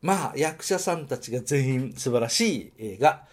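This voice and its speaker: This Nagoya podcast host has a medium-pitched voice with lively intonation and a moderate pace. Chatting solo and casually about a film he's reviewing, he often stops to correct himself mid-thought.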